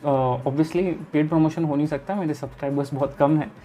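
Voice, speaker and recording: A young man from India talks through his study routine in a casual vlog. His voice is mellow and soft-edged, and his manner is easygoing and explanatory. He speaks straight to the viewer. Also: on the high side, fairly even intonation, brisk. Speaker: chartered accountancy student and study vlogger.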